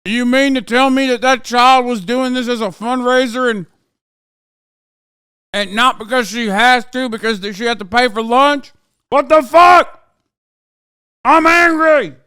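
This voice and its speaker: Male streamer, high-pitched, crisp, dry close mic, swearing, heated commentary. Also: a little slow, long pauses, pushed and bright, dry recording. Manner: profane, worked-up ranting, swears constantly. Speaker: streamer reacting to a video.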